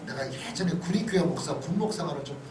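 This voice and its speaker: Picked up by a distant mic in an echoey, noisy church hall, a middle-aged pastor lectures in a sermon-like but conversational way. He talks fast, his slightly high voice full of lively intonation, and keeps checking in with listeners through brief questions.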